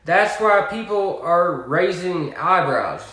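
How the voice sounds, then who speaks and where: A man with a Southern US accent giving a political commentary monologue, deliberate, with sarcastic asides. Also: high voice, animated, pushed and bright, echoey room.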